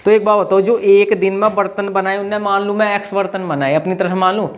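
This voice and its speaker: A high-voiced man teaches a math class with a tinge. He works through each step aloud and keeps asking his students questions. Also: fairly even intonation, a little fast. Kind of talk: classroom lesson.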